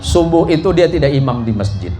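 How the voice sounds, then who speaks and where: Speaking fairly quickly in a warm, expressive mid-range voice, this man delivers a folksy, joking sermon to a live congregation at a mosque gathering. He frequently asks his listeners questions, and clear background noise runs through the live talk.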